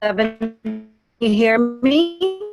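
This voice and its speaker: A woman's voice: fairly high pitch, animated, drawn-out words, over music. Woman on a call that keeps breaking up. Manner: repeats herself to be heard over a bad line. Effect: phone call breaking up. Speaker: teacher calling into a public meeting. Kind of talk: public comment by phone. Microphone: phone.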